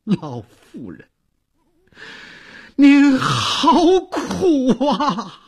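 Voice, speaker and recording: A sobbing old servant woman, put on by a male storyteller, her words breaking apart in halting, tearful bursts. Her voice climbs and falls widely and drags slowly, with a husky edge. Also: very high-pitched, huge pitch swings, pitched above the performer's own voice, full character voice. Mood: wailing. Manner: broken, halting speech through sobs. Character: grieving elderly female servant.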